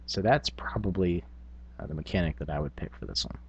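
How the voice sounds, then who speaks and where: A man hosts a tabletop gaming vlog, talking casually in a rambling, self-effacing, unscripted way. His low-pitched voice moves fairly quickly, and the audio sounds dull.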